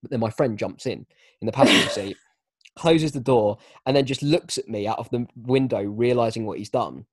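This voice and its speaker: Animated young man telling a story. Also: mid-range voice, a little fast, husky, no room sound. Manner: animated, self-mocking. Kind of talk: casual anecdote telling.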